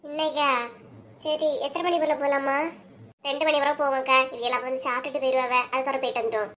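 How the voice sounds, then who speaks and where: A high, girlish-sounding village woman voiced by a woman for a cartoon, with a thick Kanyakumari Tamil accent. She gossips, scolds and teases her relatives in a quick, chatty way. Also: little pitch movement, fairly bright tone. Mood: calm. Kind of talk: cartoon voice acting.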